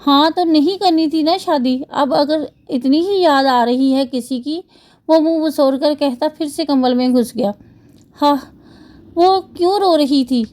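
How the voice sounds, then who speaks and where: A woman's voice: high-pitched, a little mellow. A woman reading a romance novel aloud, storytelling steadily with small restarts. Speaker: novel narrator.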